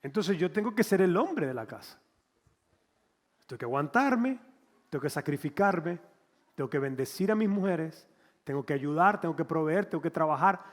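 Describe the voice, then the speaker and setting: A pastor preaching in a lively, conversational way, slipping into acted-out dialogue. His voice sits slightly high for a man. It rings with the long reverb of a church hall. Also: moderate pace, pauses often. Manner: animated, conversational, acts out quotes. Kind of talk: sermon.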